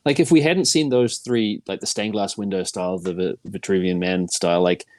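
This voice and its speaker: A man's voice: deep voice, a little fast, dry recording. A man, a guest chatting casually on a podcast and telling jokey stories. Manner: jokey, animated storyteller.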